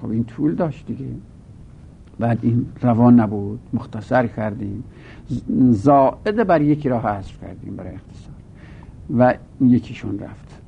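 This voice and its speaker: A man teaching a grammar lesson, asking and answering his own questions and drawing out his words. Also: expressive. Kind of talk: grammar lesson, explaining step by step. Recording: gravelly voice on a tinny phone-like line with faint rumble.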